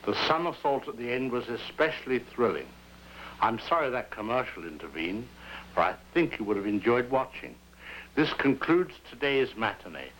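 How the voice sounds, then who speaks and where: A man hosting a television show in a dry, deadpan and formally droll manner, heard through an old 1950s television broadcast with a faint hum. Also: medium pitch, moderate pace, rough recording. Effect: old 1950s television broadcast sound with faint hiss and hum. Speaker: television host. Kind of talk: scripted wry host introductions.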